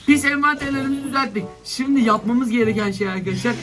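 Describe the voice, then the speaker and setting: A young man with a Turkish accent giving excitable Minecraft let's-play commentary, breaking into exasperated outbursts at attacking monsters. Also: very high-pitched, fast talker, over music. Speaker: gaming YouTuber.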